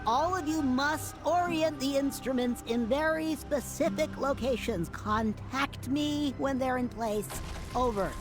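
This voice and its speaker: A high-pitched little engineer speaks over a radio in unhurried, clipped military phrases. She signs off each order with over while game music plays behind her. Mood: brisk. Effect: voice heard over a radio.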